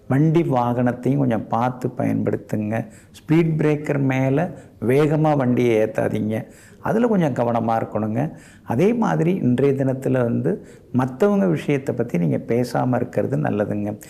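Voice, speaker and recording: A male astrologer reads out the daily horoscope. His voice is gravelly and mellow, and his tone is polite and advising. He ends his sentences with respectful, courteous endings. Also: medium pitch.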